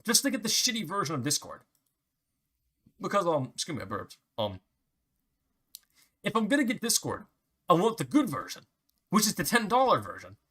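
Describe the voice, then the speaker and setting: Young man, casual rant, profane, rambling restarts, slightly high voice, animated. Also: normal speed, pauses often, slightly rough. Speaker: vlogger. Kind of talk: casual ranting monologue.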